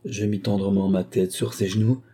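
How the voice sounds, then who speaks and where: A man reading a literary novel aloud as an audiobook narrator, in a measured, even storytelling manner. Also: lowish voice, slightly rough.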